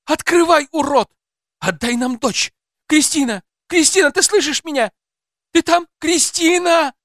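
Male reader voicing a frantic mother, shrill and shrieking, raised high over his own voice, lively swings. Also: normal speed. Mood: screaming. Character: frantic furious woman, a mother shouting for her daughter.

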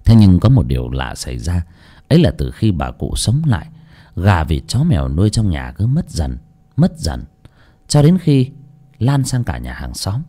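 A man narrating an audio storybook in an expressive, dramatic storytelling manner. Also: deep voice, normal speed.

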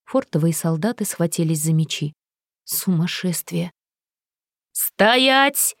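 A woman narrates a first-person audiobook in an even, steady way. Her voice sits fairly low, and the recording is dry and close to the mic. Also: a little fast, no room sound.

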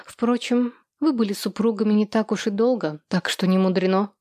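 A woman voicing a calm, sarcastic ex-wife with a sharp tongue. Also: mid-range voice, normal speed, dry recording, studio quality, natural voice. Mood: mocking.

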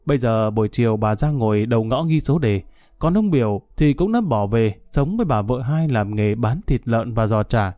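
A man narrating a story in a calm, steady storytelling voice, speeding up a little in the dialogue. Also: medium pitch, normal speed, dry recording. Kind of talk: audiobook narration.

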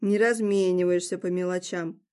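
A woman's voice: fairly low pitch, fairly even intonation, normal speed, mellow, clear, resonant tone, natural voice. Smug teasing trickster god, grown man, hams it up a bit woman reading him in an audiobook. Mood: sly. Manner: theatrical, teasing.

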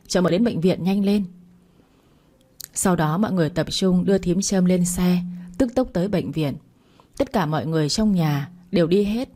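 A woman narrating a first-person family drama story in an even, unhurried way. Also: fairly low pitch.

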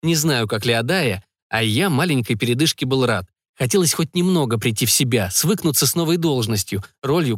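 A man's voice: medium pitch, dry recording, clean studio sound. A man narrating an audiobook in a reflective, wry manner.

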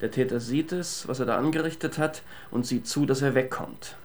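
In a German radio crime drama, an actor plays a cheeky yet thoughtful male police detective, speaking wryly and conversationally in a pondering mood. His voice is medium-pitched, moderately paced and lightly acted.

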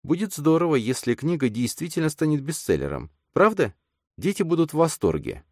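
A man voicing an affectionate, playful adult woman in an audiobook, lifting his voice higher and speaking softly and teasingly. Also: big pitch swings, a little fast, no echo, studio quality. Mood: tender. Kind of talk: audiobook character reading.

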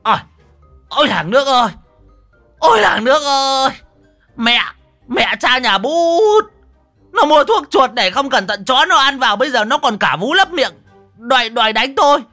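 A man's voice: animated, normal speed, long pauses, bright, forceful tone, soft background music, heavily acted. A man voicing a scrawny old village man who wails theatrically. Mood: wailing. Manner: shrill wailing lament.

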